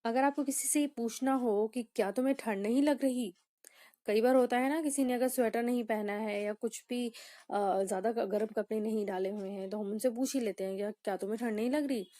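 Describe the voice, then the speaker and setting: A woman English teacher with a fairly high, mellow voice, delivering a lesson in a dry, close sound. She explains patiently and speaks each example sentence very slowly, then repeats it. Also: steady tone, no echo.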